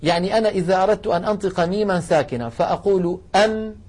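A man lecturing a class, explaining carefully and slowing down to demonstrate sounds, asking students to try along. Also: sits high, a little mellow, breathy edge. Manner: addresses students directly, asks them to try along. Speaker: Quran recitation teacher.

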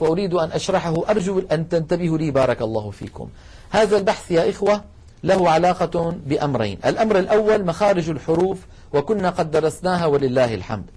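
A man lecturing a class, explaining carefully and slowing down to demonstrate sounds, asking students to try along. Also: fairly high pitch, a little mellow, slightly rough. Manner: addresses students directly, asks them to try along. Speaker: Quran recitation teacher.

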